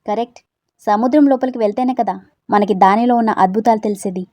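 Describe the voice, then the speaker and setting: A cocky young rowdy with a teasing, self-assured swagger, as a woman storyteller puts him on. The voice is warm and mellow and sits a little high. It is recorded close and dry, with no room sound. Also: fairly even intonation, fast talker, dry recording, close to an everyday voice. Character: cocky young man, bold brash romantic rowdy.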